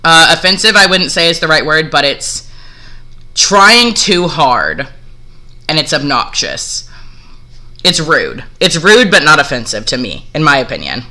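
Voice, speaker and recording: Bright-voiced blunt streamer man. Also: on the high side, very animated, unhurried. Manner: blunt, swears freely, hesitant fillers. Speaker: streamer reacting to a video. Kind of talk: casual live-stream commentary.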